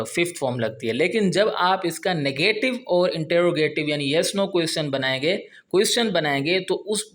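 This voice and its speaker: A man explaining English grammar in a lesson, reading example sentences out slowly. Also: a little high, fairly bright tone. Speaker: English teacher.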